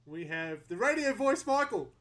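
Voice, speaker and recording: A man's voice: high voice, very animated, moderate pace, fairly bright tone. A man hosting a casual podcast, chatty and laughing easily while a little flustered. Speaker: podcast host.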